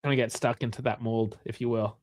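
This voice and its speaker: A quick-paced, steady-toned man of medium pitch with a darkish voice, recorded with no room sound. He's a Canadian in his thirties co-hosting a soccer watchalong, rambling through casual chat with lots of laughs and swearing.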